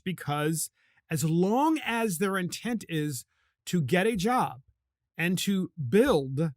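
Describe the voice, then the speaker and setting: A man's voice: high voice, fairly bright tone, dry recording, clean studio sound. A man hosting a political commentary podcast, talking emphatically with indignant, sarcastic asides. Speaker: podcast host.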